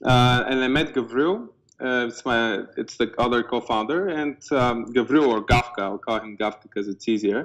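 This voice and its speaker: Male, 20s, Bulgarian accent, medium pitch, casual interviewee telling his story. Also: normal speed, few pauses, a bit bright. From eastern Bulgaria. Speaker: software company co-founder being interviewed.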